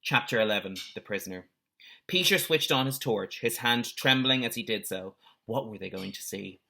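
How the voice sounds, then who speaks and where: A man with a lowish, gravelly voice reads a children's adventure story aloud at a moderate pace, like a teacher. He performs it expressively with animated character voices and drops in the occasional explanatory aside.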